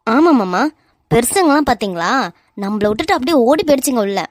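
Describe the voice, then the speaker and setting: A woman's voice: a little high, sing-song, brisk, a little hiss or hum. A woman voicing a cheeky, whiny young man. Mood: whiny teasing. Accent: Kanyakumari Tamil. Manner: whiny, teasing. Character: young man, cheeky complaining brother-in-law.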